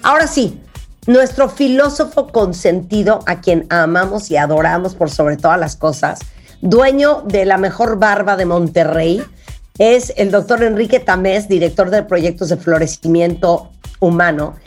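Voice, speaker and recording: Brisk woman hosting radio. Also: lowish voice, soft background music. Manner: brisk, directing the conversation. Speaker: radio host. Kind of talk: casual radio chat.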